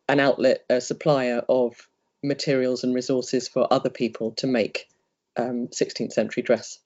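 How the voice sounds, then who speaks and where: A man on an online panel talking about his business, with halting speech and frequent restarts. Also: medium pitch, a little mellow. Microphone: video call. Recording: dull lo-fi video call audio.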